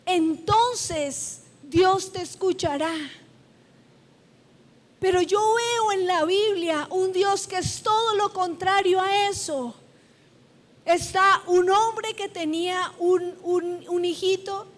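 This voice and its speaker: A woman's voice: extremely high pitch, slow. A woman pastor preaching a sermon in a church, emphatic and repetitive, drawing out her phrases. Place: church sanctuary. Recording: long church-hall reverb.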